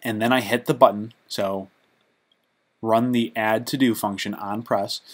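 A man giving a casual screen-recorded coding lesson, halting and full of fillers as he works at his computer. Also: fairly low pitch, fairly bright tone. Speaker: programming instructor.

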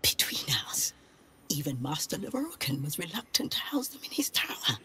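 A woman's voice: very deep voice, normal speed, a bit bright, slight background noise. A woman voicing a reverent librarian in a video game, in an ASMR role-play with a shushing manner. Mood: hushed, confiding. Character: hushed, reverent female librarian guarding sensitive books. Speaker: librarian shopkeeper.

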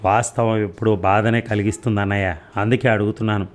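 Guy doing a calm younger brother in an audio story, steady, low-ish voice. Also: fast, close to an everyday voice. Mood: firm.

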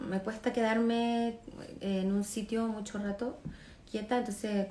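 A woman in her thirties chatting casually with fans on a phone livestream from her living room, relaxed and chatty, laughing often and trailing off with fillers. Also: mid-range voice, slight background noise. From Chile. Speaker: singer answering fans on a livestream. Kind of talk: casual chat reading comments. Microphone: phone camera at arm's length.

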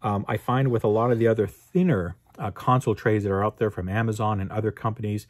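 A man's voice: lowish voice, fairly even intonation, fast, no echo. A man hosting his own show, casually reviewing car accessories in an easygoing way, with lots of uh and um fillers. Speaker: host.

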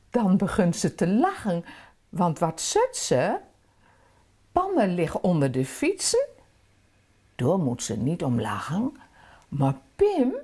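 Slow sing-song Drents storyteller woman. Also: medium pitch, warm tone, breathy edge. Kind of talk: reading a children's story aloud.

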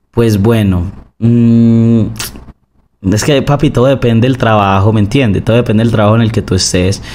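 A man's voice: lowish voice, a little mellow. A man, chatting casually on a stream and answering viewers in a crude, joking, slangy way.

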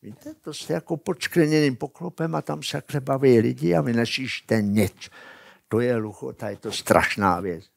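A man's voice: medium pitch, gravelly, dry recording. An older man imitating a stern male ear doctor who earnestly lectures a patient. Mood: lecturing.

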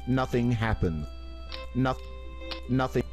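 A man's voice: medium pitch, animated, takes it slowly, music in the background. A man narrating a computer game in a dry, wry storytelling manner. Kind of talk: scripted narration.

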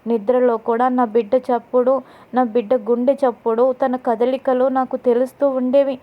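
A woman's voice: fairly high pitch, little pitch movement, moderate pace, phone-quality sound, close to an everyday voice. A woman narrator voicing a distraught young woman asking desperate, bewildered questions.

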